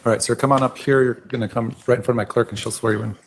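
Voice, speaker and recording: A man presiding as judge, brisk and businesslike with courtroom procedure. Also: medium pitch, fairly even intonation. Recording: noisy courtroom recording.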